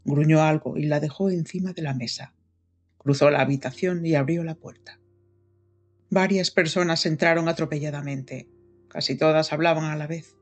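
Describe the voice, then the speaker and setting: A woman reading a mystery novel aloud as an audiobook narrator, in measured, even storytelling. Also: deep voice, soft background music. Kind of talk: scripted narration.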